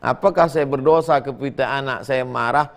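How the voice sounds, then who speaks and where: A middle-aged man with a medium-pitched voice preaches at a normal speed, turning audience questions into a humorous session full of folksy jokes and animated storytelling.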